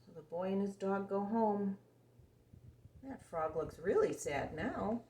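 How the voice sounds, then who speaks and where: In this animated read-aloud for young children, a woman tells a picture-book story simply and expressively, stopping to ask the listener questions. Her mid-range voice is warm and her pace slow, and the room adds echo and faint background noise.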